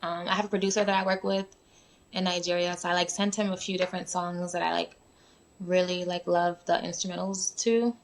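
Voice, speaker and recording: This young New Yorker, a guest musician in a casual interview, talks fairly quickly in a voice on the low side. Her manner is relaxed and heavy with fillers like "um" and "like," and sirens can be heard at times.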